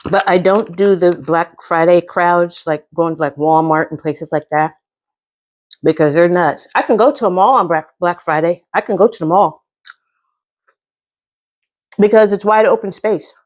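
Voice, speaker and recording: A middle-aged American woman with a fairly low voice talks casually to her viewers during a meal. She speaks between bites while eating and savors the food with small mms. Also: moderate pace, long pauses, darkish tone. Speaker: mukbang host.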